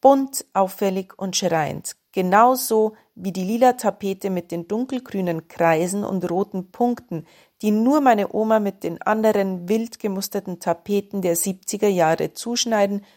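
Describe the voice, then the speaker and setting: A woman reads short stories aloud at an unhurried pace. Her delivery is calm and descriptive, lingering on lists of colours and patterns, with a middle pitch. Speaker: narrator. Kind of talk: storybook reading.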